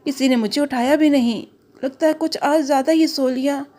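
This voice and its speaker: A woman's voice: high-pitched, fairly even intonation, normal speed, warm tone, natural voice. A woman voicing a wicked, teasing male caterpillar in a cartoon, menacing and gloating. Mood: sleepy.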